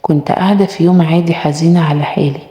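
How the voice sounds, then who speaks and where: A woman with an Egyptian Arabic accent narrates a first-person story in a low, warm, steady voice at a rapid-fire pace, reading every character in her own voice. The room is echoey, with long reverb.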